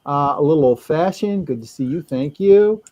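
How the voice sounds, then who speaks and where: A man hosting a livestream chat show, talking in a loose, halting way with lots of fillers. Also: a little high, expressive, dark tone, dry recording. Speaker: host.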